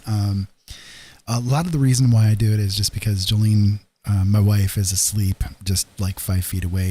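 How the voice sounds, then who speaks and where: Speaking softly so as not to wake someone, this mellow man with a deep, husky voice chats with his stream viewers. A livestreaming digital artist who once hosted talk radio, he sits at a desk in his home, using a podcast mic run through a mixer.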